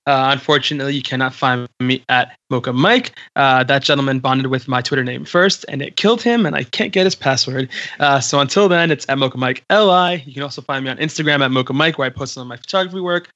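A man's voice: mid-range voice, quick pace, bright, forceful tone, dry recording, lo-fi sound. A man chatting casually on a podcast in a wry, joking way. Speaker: podcast panelist. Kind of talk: casual chat.

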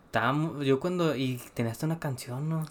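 A young Mexican man co-hosting a laid-back chat. He banters easily and throws in plenty of slang, his voice sitting at a middle pitch. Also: fast talker. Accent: Mexican Spanish. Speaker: podcast co-host. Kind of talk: casual chat.

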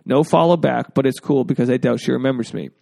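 A man's voice: medium pitch, fast talker, creaky, mellow. A man hosting an advice podcast in a casual, rambling way, with jokey asides. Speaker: podcast host. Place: indoors at home.

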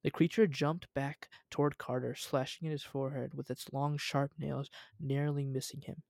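A man's voice: medium pitch, flat delivery, normal speed, vocal fry, a little mellow, no room sound, studio quality. A young man reading a story aloud at home, casual, with asides.

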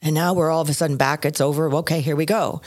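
Older woman podcast cohost, low deep voice, dry close sound, tells stories expressively. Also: fast, no room sound. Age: 60s. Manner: expressive storyteller, swings between low and high pitch. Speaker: podcast co-host. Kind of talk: casual chat.

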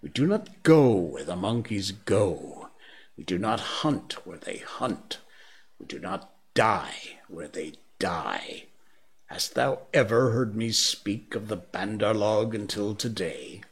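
A man's voice: on the low side, lively intonation, slow, slightly rough, heavily acted. A man voicing a stern old bear who lectures a boy solemnly, in a storybook reading. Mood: lecturing.

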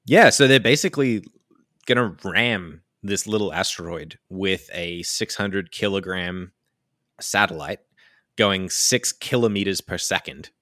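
A man with a very low but bright, forceful voice chats casually, explaining with animated enthusiasm and frequent fillers. The sound is dry and close to the mic. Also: measured pace, no room sound. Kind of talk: casual chat.

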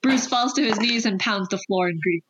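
A woman's voice: medium pitch, normal speed, noisy background. A woman narrator reading out scripted scene action and stage directions.

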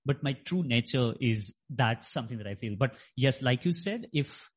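Man from Nepal, 30s, podcast guest; hesitant, filler-heavy, mid-pitched. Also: lively intonation, normal speed, husky. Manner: hesitant, many fillers and restarts. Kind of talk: reflective interview talk.

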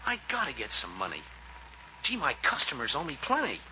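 A man's voice: mid-range voice, wildly swooping pitch, a little fast. Give me a carefree young repairman in a radio comedy. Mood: worried. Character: cheerful, carefree young man running a repair shop. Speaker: fix-it shop owner. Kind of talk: 1940s radio comedy acting. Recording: dull, hissy old radio recording.

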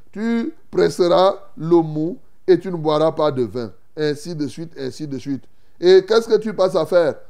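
A man preaching a sermon, retelling Bible scenes in an animated way with folksy asides to the congregation. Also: a little high. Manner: animated, acts out Bible scenes with loud outbursts.

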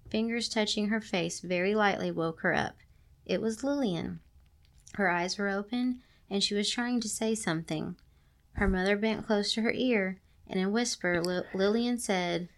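A woman hosting a show, reading a story aloud and breaking off for playful, sarcastic comments. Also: medium pitch. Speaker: podcast host reading stories aloud. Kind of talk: casual reading aloud with joking asides.

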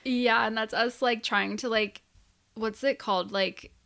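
A woman's voice: fairly high pitch, fairly even intonation, unhurried, vocal fry, a bit bright. Chatty, enthusiastic woman podcast host. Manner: chatty, enthusiastic, heavy use of "like". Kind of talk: casual podcast chat.

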